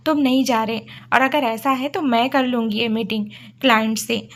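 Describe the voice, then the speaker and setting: A caring young wife scolds and bosses her husband with affection in a storybook, voiced by a woman narrator. The voice sits fairly high. Her tone stays firm but tender. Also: steady tone, normal speed, natural voice. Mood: bossy.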